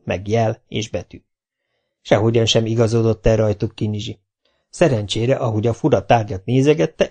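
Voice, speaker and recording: A man reading a children's novel aloud, narrating in a lively, wry manner. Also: fairly low pitch. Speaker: audiobook reader. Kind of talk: storytelling narration.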